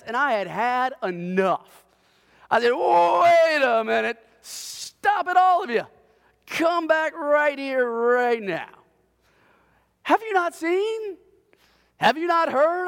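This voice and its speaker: Guy preaching w a super high voice, lively and kinda sarcastic, lots of hall echo. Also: creaky. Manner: animated storytelling with a sarcastic edge. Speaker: pastor. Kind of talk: sermon.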